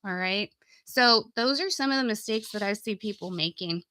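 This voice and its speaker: A woman getting sick and starting to lose her voice hosts a casual live stream of chat and sales pitching, speaking to viewers directly as an informal, folksy coach. Her voice is bright and forward at a middling pitch and a normal speed. The recording is dry, with barely any room to it.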